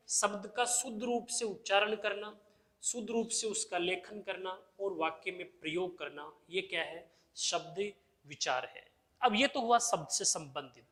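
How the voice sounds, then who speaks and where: A man's voice: high-pitched, a bit bright. A male teacher giving an exam-prep grammar lesson, who asks the class questions and answers them himself, repeating the key terms. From India.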